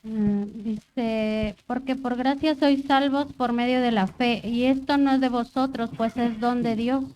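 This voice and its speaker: Lady reading a bible verse in church, steady pace, a bit high. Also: moderate pace, hardly any pauses, slight background noise, rough recording. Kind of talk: reading a Bible passage aloud.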